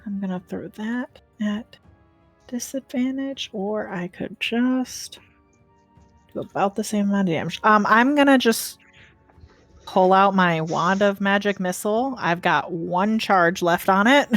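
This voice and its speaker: A woman's voice: medium pitch, unhurried, fairly bright tone, dry recording, soft background music. A woman playing a tabletop game, thinking aloud hesitantly as she casually narrates her character's moves.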